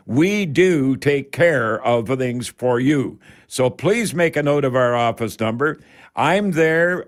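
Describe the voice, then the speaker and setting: A medium-pitched older Canadian man hosts a call-in radio show about home improvement. His talk is folksy and emphatic, rambles a bit, and is aimed directly at the people listening.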